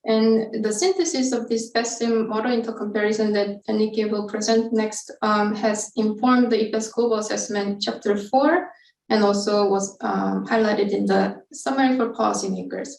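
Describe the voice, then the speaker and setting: In a scientific webinar, a woman researcher explains her study methods with some hesitation. Her medium-pitched voice is a little mellow, with vocal fry, fairly even intonation and a moderate pace. The room echoes and she is distant from the microphone.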